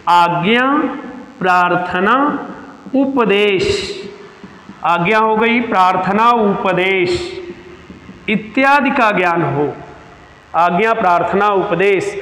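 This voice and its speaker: A man teaching a grammar lesson at a coaching centre, going slowly and repeating key terms with rising and falling pitch. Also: fairly bright tone. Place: coaching classroom. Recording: echoey room with long reverb.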